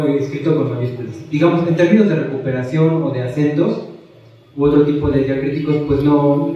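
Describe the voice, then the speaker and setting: A man on a panel giving a brisk, precise clarification of a technical point. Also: a little high. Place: large auditorium. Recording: dull, echoey hall, far from the mic.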